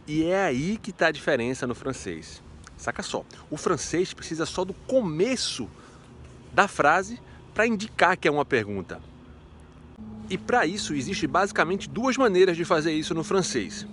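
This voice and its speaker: A man's voice: fairly high pitch, sing-song, moderate pace, a bit bright, a little hiss or hum. A man teaching a casual video lesson in a chatty, playful way, asking himself rhetorical questions. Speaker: French teacher.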